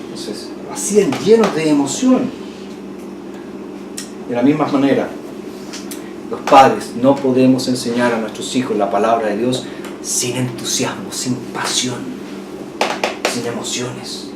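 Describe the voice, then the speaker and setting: A man with a Chilean Spanish accent preaching a sermon as pastor, swinging from loud passionate peaks to hushed, quiet lines. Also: mid-range voice, unhurried, long pauses. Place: church hall. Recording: echoey church hall, distant mic, noisy.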